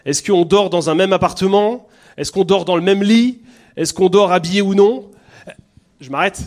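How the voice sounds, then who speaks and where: A man's voice: sits high, moderate pace, a little mellow. Earnest man with a southern French accent. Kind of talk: conversational teaching talk.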